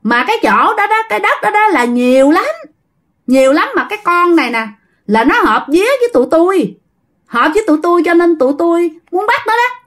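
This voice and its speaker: A woman's voice: very high-pitched, big pitch swings, brisk, a bit bright, pitched above the performer's own voice, full character voice. A woman voicing the defiant ghost of a male soldier speaking through a possessed woman. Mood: sullen. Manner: defiant, taunting.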